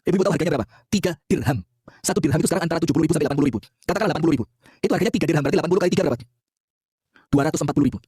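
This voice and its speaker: A man preaching a lively, joking sermon, quizzing the audience and having them call back answers. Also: a little high, rapid-fire, slightly rough, dry recording, clean studio sound.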